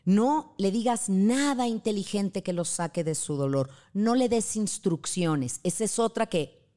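A woman's voice: mid-range voice, a little slow. A middle-aged woman, talking about grief as a guest in a casual podcast conversation and acting out the voices she quotes. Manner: animated storyteller, acts out quoted voices.

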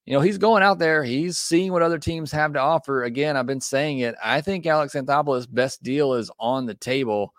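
A man's voice: a little high, a little fast, hardly any pauses, fairly bright tone, dry recording, studio quality. A man hosting a baseball podcast, giving casual, opinionated takes with frequent fillers. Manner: conversational, opinionated, many fillers. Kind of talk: casual sports talk.

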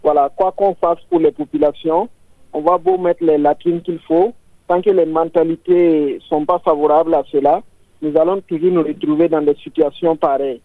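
A man's voice: a little high, moderate pace, creaky, dry recording. A man calling in to a radio show over a phone line, giving an earnest opinion and repeating words while he looks for the right one. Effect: voice heard over a phone line on air. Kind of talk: call-in comment on a public issue. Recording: tinny dry phone line.

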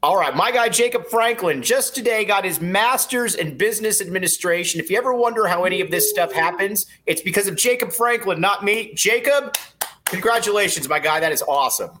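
A man hosting a casual sports podcast, talking in a chatty, excitable way. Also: sits high, brisk. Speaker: podcast host. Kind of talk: casual sports podcast chat with sponsor reads.

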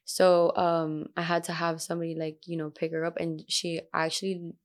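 A woman's voice: fairly low pitch, flat delivery, moderate pace. A young adult woman, a sound healer guest, telling a story in casual chat, full of fillers and quoted asides.

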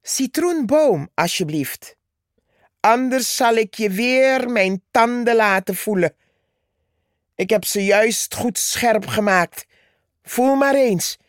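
A woman voicing a threatening male lemon tree with sharp thorns, in a storybook reading. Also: on the high side, expressive, slow pace, dry recording, studio quality.

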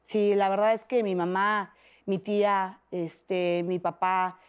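Animated Mexican woman telling her story. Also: mid-range voice, slow, clean tone. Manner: animated, acts out quoted voices. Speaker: guest. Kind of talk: emotional personal storytelling.

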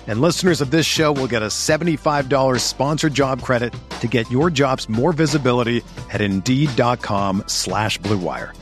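Male announcer, medium pitch, scripted commercial read, light music behind. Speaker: advert announcer. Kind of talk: scripted ad narration.

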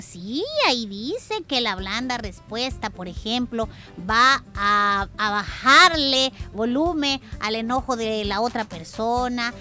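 Bright-voiced woman hosting a children's show. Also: a little high. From El Salvador. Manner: warm, lively, speaks directly to children. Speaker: children's radio show co-host.

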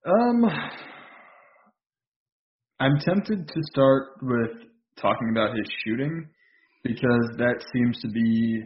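A man's voice: mid-range voice, expressive, takes it slowly, long pauses. Hesitant man chatting basketball, lo-fi. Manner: hesitant, many fillers and restarts. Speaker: podcast co-host. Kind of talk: casual basketball chat.

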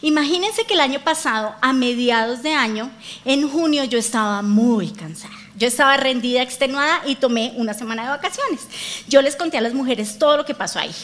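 A woman's voice: high voice, fairly bright tone. A woman pastor preaching a sermon, telling stories animatedly and talking straight to her congregation. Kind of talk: lively sermon with acted-out dialogue. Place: church.

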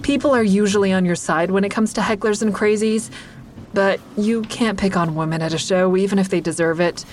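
In an audio drama, an actress plays a wry stand-up comedian who narrates her own story conversationally, in a wry, reflective mood. Her medium-pitched, slightly mellow voice moves fairly quickly and sounds close to everyday speech, with a little hiss or hum.

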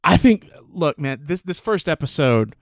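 A man co-hosting a casual chat podcast, rambling with lots of fillers and restarts, excitable. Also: on the high side, moderate pace, no echo, studio quality. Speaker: podcast co-host.

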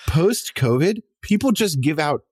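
A man's voice: fairly high pitch, lively intonation, unhurried, a little mellow, husky, no room sound, clean studio sound. A man hosting a podcast in a playful, informal, chatty way. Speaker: podcast host. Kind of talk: casual chat.

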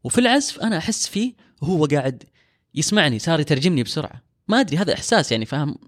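A man's voice: fairly high pitch, sing-song, very fast. A man with a Saudi accent, an oud player, talking reflectively in a casual discussion. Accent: Saudi Arabic.

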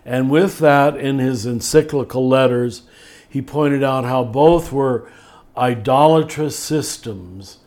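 A podcast conversation features an older man in the role of spiritual teacher. His mid-range voice is a touch mellow, and he speaks with thought and care, slowing for emphasis on key words.

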